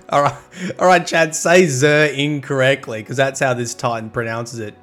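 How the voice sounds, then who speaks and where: A man's voice: medium pitch, fairly even intonation, normal speed, fairly bright tone, soft background music. A man streaming live who reads game lore aloud casually, chatting with his audience and tripping over hard words.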